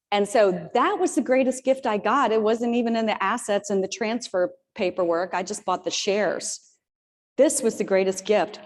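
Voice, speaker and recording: A woman in her fifties tells a motivational story from a stage, chatty and personal, with joking asides to the crowd. Her voice rings out with a long reverb tail in a large old theater. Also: a little high. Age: 50s. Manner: lively, personal storytelling with humorous asides to the audience. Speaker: keynote speaker.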